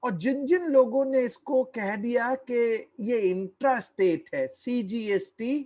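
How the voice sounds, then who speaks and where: A man giving an online tax lecture, slow and deliberate, repeating key points and quizzing his listeners. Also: extremely high pitch, a little mellow, muffled recording.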